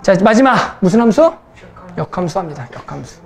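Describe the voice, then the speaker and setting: A woman's voice: mid-range voice, very animated, a little fast, gravelly, very noisy. A young woman math teacher lecturing a class, casual and teasing, who keeps checking in with her students.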